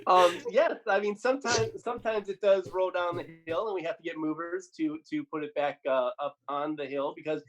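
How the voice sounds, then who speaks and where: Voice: medium pitch, steady tone, brisk, few pauses, soft background music, natural voice. Someone playing smug Peppa Pig. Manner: bluffing, rambling, full of ums and restarts. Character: cheeky young girl cartoon pig, smug and self-important. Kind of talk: improvised mock press conference.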